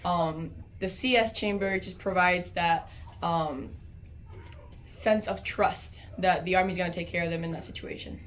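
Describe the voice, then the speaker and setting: Casting: American female soldier, mid-pitched with vocal fry, informal explainer over audible background noise. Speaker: army soldier explaining training.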